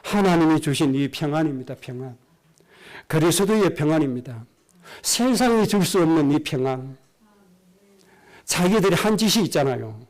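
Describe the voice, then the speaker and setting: A man's voice: a little high, animated, moderate pace, pauses often, a little mellow. A middle-aged man, preaching a sermon as pastor and telling a personal story in an earnest way. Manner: earnest storytelling, acts out quoted speech.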